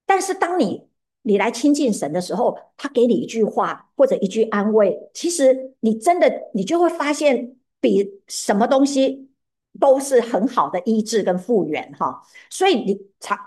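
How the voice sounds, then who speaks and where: Lively, higher-voiced woman preaching. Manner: animated, often asks listeners questions. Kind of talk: sermon.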